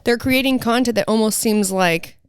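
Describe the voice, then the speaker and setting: A woman with a smooth, clear voice co-hosts a podcast and chats candidly, with plenty of fillers. Her sound is dry and close. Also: a little high, normal speed, dry recording. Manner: candid, chatty, uses many fillers. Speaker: podcast co-host and fitness channel owner. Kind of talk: casual chat.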